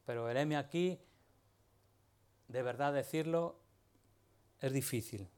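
A man's voice: mid-range voice, takes it slowly, a little mellow, clear, resonant tone. A man preaching a sermon, talking to the congregation in a conversational way and often asking them rhetorical questions.

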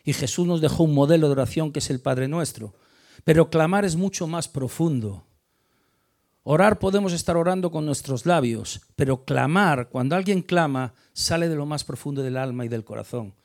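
Preaching on a Bible passage, a man speaks in a gravelly voice with fry, pitched a bit high. He is emphatic, rising to loud, stressed peaks before going quiet, and he regularly stumbles, repeating words as he starts phrases over.

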